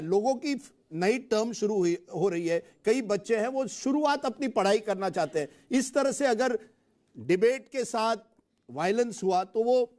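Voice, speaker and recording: A man moderates a heated TV debate with a strikingly high-pitched voice. He keeps breaking in to restore order and switches between Hindi and English. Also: darkish tone.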